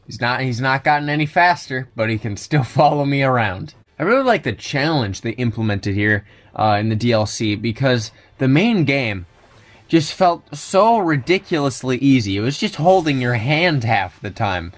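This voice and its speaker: A man's voice: mid-range voice, expressive, normal speed. A young adult man giving wry, joking commentary over a video game, often chuckling at his own asides. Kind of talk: let's play commentary.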